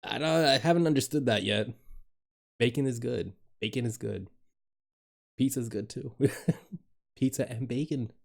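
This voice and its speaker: A male live streamer from the Dominican Republic chats with viewers on a home desk mic, casual and loose, swearing easily and laughing a lot. His mid-range voice is creaky and unhurried, with long pauses.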